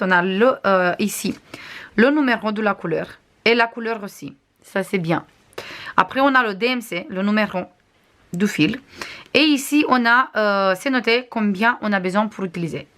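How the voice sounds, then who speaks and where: A woman crafts vlogger with a non-native accent, casually reviewing and showing items to the camera, often pausing with hesitations. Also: medium pitch, fairly bright tone. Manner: chatty, frequent hesitations, shows items to camera.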